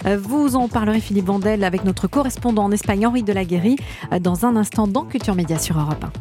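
A woman announcing a radio programme in a crisp, presenting manner. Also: mid-range voice, fast. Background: jingle music.

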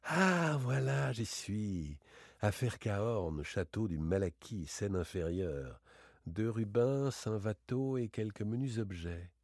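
A man voicing a playful, boastful gentleman thief in a dramatic audiobook reading, teasing and theatrical. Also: animated, takes it slowly, no echo, studio quality, heavily acted. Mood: mocking, boastful. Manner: teasing, theatrical, swings between bright exclamations and low asides.

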